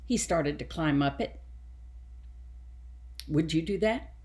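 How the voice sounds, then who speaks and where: A woman librarian telling a children's story aloud, animated and asking the children questions. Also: deep voice, slow pace.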